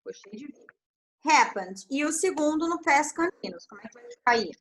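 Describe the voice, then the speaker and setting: A woman's voice: sits high, expressive, moderate pace, rough recording. A woman, tutoring English over a video call, patient and humming "tananã" to mark blanks. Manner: patient, fills blanks with sung "tananã", spells letters. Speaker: English teacher. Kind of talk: online class tutoring.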